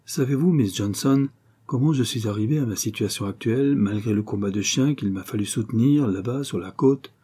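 A man's voice: mid-range voice, brisk, warm tone, slightly rough, natural voice. A man reading aloud and voicing an arrogant male film star who speaks coolly and curtly. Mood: disdainful. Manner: cool, disdainful, curt.

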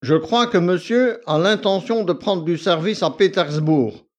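A man's voice: sits high, expressive, slow pace, voice pushed up. A man voicing an arrogant, lazy young male valet who talks in a nasal, drawling, condescending way. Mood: bored, condescending.

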